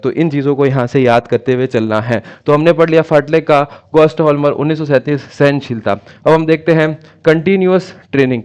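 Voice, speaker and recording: A young male teacher from India runs an exam-prep class. His voice is smooth and resonant and sits a little high. He chants key names again and again and calls his students "bhaiya.". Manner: asks rhetorical questions and answers them himself. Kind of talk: exam-prep lecture with memory tricks.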